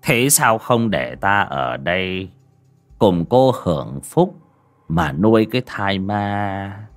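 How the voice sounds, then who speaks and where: A man voicing a lecherous, cowardly village shaman in a spoken horror story, with a slow, sneering drawl. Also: sits low, lively intonation. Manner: sneering drawl, later whimpering.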